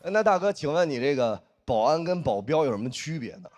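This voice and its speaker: A man's voice: a little high, a little fast. Male stand-up comic on a noisy stage. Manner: animated storytelling, acting out dialogue. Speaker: stand-up comedian. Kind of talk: stand-up comedy set. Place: stage in front of a live audience.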